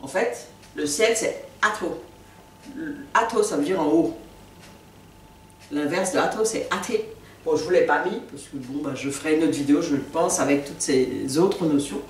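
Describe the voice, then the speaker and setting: A woman giving a relaxed spoken language lesson, repeating each new word slowly and patiently. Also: deep voice, slight background noise. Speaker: language teacher. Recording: echoey room, mic at a distance.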